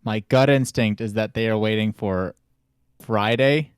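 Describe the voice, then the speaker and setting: A man's voice: on the low side, steady tone, measured pace, smooth, no echo, studio quality. A man co-hosting a gaming news podcast in casual chat, joking and mock-quoting people in playful voices. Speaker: podcast co-host.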